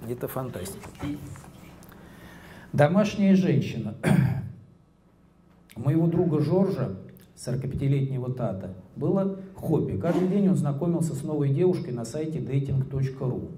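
A man in his forties, an author, reads his own short stories aloud at a book evening, speaking calmly and steadily with pauses into a handheld microphone indoors. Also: medium pitch, a little hiss or hum. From Russia. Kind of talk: public reading of short prose. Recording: roomy echoing hall.

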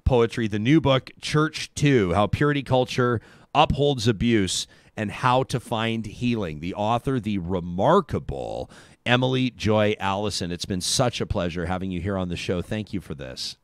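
A man's voice: lowish voice, animated, moderate pace, clear, resonant tone, dry recording. A man in his forties hosting a live radio talk show, speaking earnestly and reflectively on a studio microphone, with some stammered restarts. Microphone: studio microphone with headphones.

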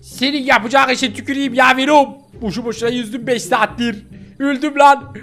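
A small male pitbull puppy, voiced by a man in a game role-play, whining and complaining in a high, pushed-up voice. He is eager and easily fooled, and his complaints sound needy rather than angry. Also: steady tone, moderate pace, a bit bright, faint music behind. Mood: whiny.

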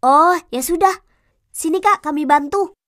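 A woman's voice: very high voice, a little slow, a bit bright. A woman voicing a playful, teasing young village boy in a children's TV drama.

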